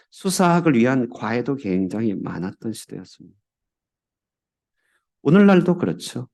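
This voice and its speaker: A man's voice: mid-range voice, a little mellow. A Korean man, a pastor, delivering a sermon in church with earnest, rising emphasis on key words. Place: church sanctuary.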